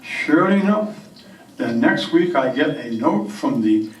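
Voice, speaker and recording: In an echoey room, a slow-talking French-Canadian woodsman acted by a man brags through a comic stage monologue. His English is simple and halting, and his voice sits slightly high for a man. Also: very animated. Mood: boastful, storytelling. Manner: halting, simple broken English, tall-tale bragging. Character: boastful French-Canadian woodsman, champion moose caller. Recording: echoey room, distant microphone.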